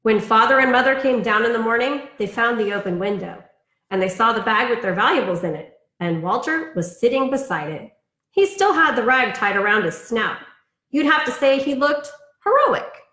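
A woman reads a story aloud to elementary children, expressive and sprinkling in chatty asides. Her voice is a little high with a sharp tone at a moderate pace, and the room sounds roomy and echoing.

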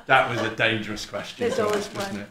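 Here a middle-aged man with a high-pitched voice preaches in a small church hall, his East Midlands accent tinged with Welsh. He keeps things animated and conversational, jokes at his own expense, and acts out people talking. He's recorded on a stand mic at the lectern and filmed by a camera across the room.

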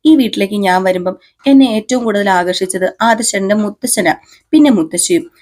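A woman voicing a gentle, patient young wife who talks in a coaxing, pleading way. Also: medium pitch, moderate pace, lightly acted. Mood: persuasive.

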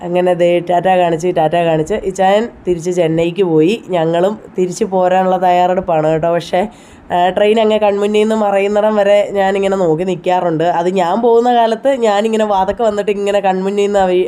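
A woman in her thirties with a Kerala Malayalam accent narrates a personal family vlog, chatty and heartfelt, often adding "you know." Her voice is fairly low in pitch with a dark tone.

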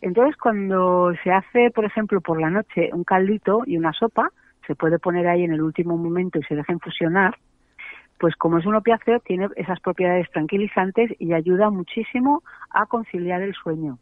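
A woman's voice: lowish voice, normal speed, dry recording. A woman, a macrobiotic cooking guest on a radio interview, chatty and explanatory, with many tag questions. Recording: dry, tinny phone line.

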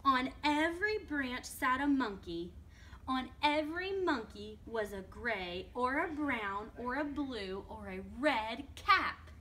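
A woman children's librarian reading a picture book aloud at preschool storytime, slowly and expressively, asking the children questions. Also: high-pitched, expressive, sharp tone, slight background noise.

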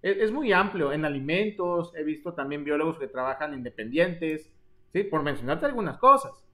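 A man's voice: fairly high pitch, big pitch swings, moderate pace, a bit bright. A man, teaching a live online biology class in a joking, theatrical way and often calling his students "jóvenes". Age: 30s. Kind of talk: live-streamed exam prep class.

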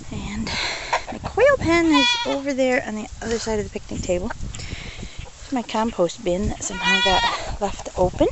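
A middle-aged homesteader films a walking tour of her farm outdoors on a handheld camera, chatting casually and now and then talking to her animals. Her voice is a little high, and the audio is very noisy, with goats bleating and chickens in the background.

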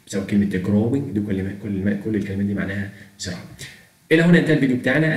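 A young man with an Egyptian Arabic accent runs an English exam review at a quick clip. His voice sits low, and he works through each answer step by step while fielding the questions he imagines students asking. The room around him is echoey. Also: darkish tone. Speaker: English teacher.

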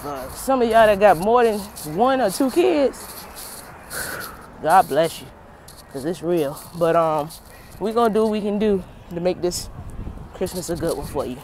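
Walking outdoors near traffic at night, a woman talks straight to camera on a handheld phone, chatty, folksy, and out of breath. Her voice is lowish and darkish, with lively intonation, an unhurried pace, and frequent pauses, while faint traffic noise sounds in the background.

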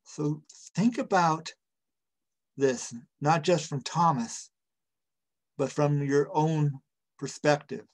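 In a small room at home, a pastor in his sixties delivers a reflective sermon into a computer webcam or video-call microphone. His voice is a little high, and he speaks deliberately in short phrases broken by pauses.

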